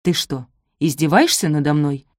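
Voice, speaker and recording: A woman voicing a shrill, snapping stepmother. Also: animated, moderate pace, a little mellow, no echo, clean studio sound. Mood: furious. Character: stern haughty middle-aged stepmother.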